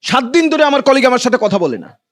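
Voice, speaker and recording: A Bangladeshi man with a notably high voice performs stand-up comedy. He talks colloquially to a live audience and teases them as he goes. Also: big pitch swings, fast. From Noakhali, Bangladesh. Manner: colloquial, teasing banter with the audience.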